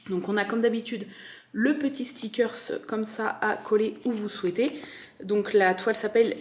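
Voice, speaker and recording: Steady and mid-range at normal speed, a woman from France with a French accent chats casually while unboxing a craft kit. She's an enthusiastic crafting vlogger who uses many fillers and repeats herself.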